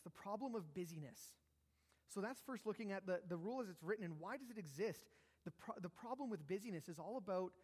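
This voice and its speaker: With a voice that sits high and sounds a little mellow, a man delivers a sermon as pastor. He keeps it conversational, pokes fun at himself, and throws in jokes and asides, all in a room with long hall reverb.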